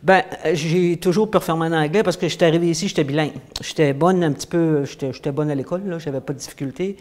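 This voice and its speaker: A woman's voice: sits low, quick pace, darkish tone. A woman in her fifties with a Quebec French accent, a teacher answering interview questions in a small room, hesitant with many fillers. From grew up in the United States, then Quebec. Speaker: English teacher. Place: indoors, small room against a plain wall.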